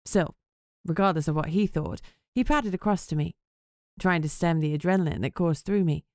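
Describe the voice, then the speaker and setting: Wry, self-mocking vampire journalist, read by a woman in a low-pitched voice, first-person storybook narration, dry close sound. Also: moderate pace, a little mellow, no echo, natural voice. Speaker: audiobook narrator.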